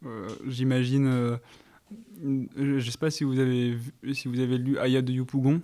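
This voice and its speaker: Tentative male guest, mellow dark tone, monotone. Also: mid-range voice, normal speed. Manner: tentative, restarts often. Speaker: interviewee.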